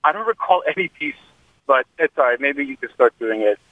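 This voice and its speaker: A man's voice: mid-range voice, expressive, fairly quick, no echo. Man on a choppy, breaking-up phone line. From Queens, New York. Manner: rambling, hesitant with many fillers. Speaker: caller. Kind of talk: casual call-in chat.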